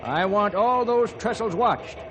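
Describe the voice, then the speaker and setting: High-voiced commanding railroad boss, radio drama. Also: male voice, animated, rough recording. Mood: commanding, tense. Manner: brisk orders, commanding. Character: decisive, gruffly joking veteran railroad dispatcher boss. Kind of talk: old-time radio drama acting.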